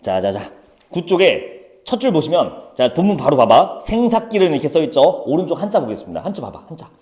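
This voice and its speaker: A man teaching a high school Korean class, brisk and teasing, calling on students by name. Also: big pitch swings, darkish tone. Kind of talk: classroom lecture. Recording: echoey classroom.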